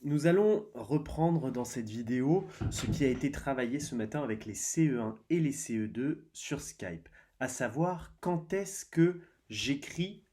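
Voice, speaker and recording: Male primary teacher, unhurried, deliberate, sounds out each syllable for kids. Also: medium pitch, mellow. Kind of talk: spelling lesson for young children.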